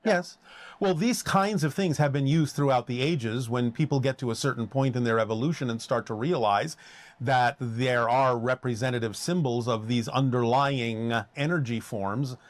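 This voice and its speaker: A man answering questions in a formal, measured way, speaking as "we" and slowing down on key phrases. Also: mid-range voice, no room sound.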